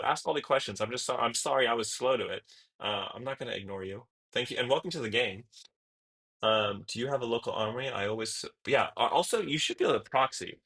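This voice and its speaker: A man's voice: lowish voice, fairly bright tone, slightly rough. A male streamer chatting casually with his live chat, flustered and laughing, jumping between topics in an indoor room.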